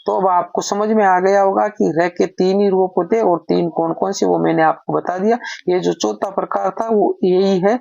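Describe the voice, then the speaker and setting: A man's voice: high-pitched, fairly even intonation, normal speed, vocal fry, few pauses, darkish tone, dry recording. A man teaching a grammar lesson, patiently asking questions and answering them himself. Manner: patient, asks then answers own questions. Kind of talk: explaining lesson while writing. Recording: dull lo-fi recording.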